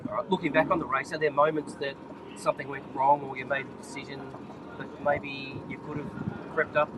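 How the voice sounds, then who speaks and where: Guy asking probing race questions from off mic, tinny sound, loud traffic all around. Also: mid-range voice, level tone, a little fast. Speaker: interviewer. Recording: distant, phone-like, with loud traffic noise.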